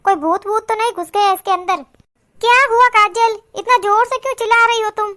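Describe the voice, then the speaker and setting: A woman voicing a kind, patient elder daughter-in-law in a family cartoon who speaks gently and reasons things through. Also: very high voice, fairly even intonation, brisk, slight background noise. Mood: reproachful. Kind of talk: cartoon voice acting.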